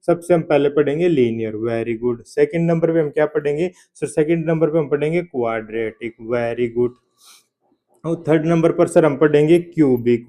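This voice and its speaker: A man with a somewhat high voice teaches a math lesson for exam preparation. He asks the class questions, then answers them himself as if he were a student. He drills key terms again and again. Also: a little mellow. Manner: repeats key terms, praises with "very good".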